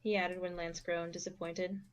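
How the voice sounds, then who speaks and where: A young woman reads the narration of an amateur fan fiction, keeping a steady pace and expressive phrasing. Her voice sits a little low for a woman. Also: moderate pace. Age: young adult.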